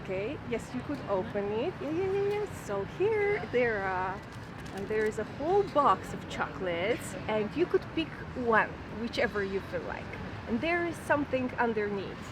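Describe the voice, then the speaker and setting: A woman's voice: sing-song, normal speed. A cheerful woman hosting a vlog, interviewing passers-by at an outdoor Christmas market and laughing often. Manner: cheerful, laughs often, rises high when greeting. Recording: clear city noise behind.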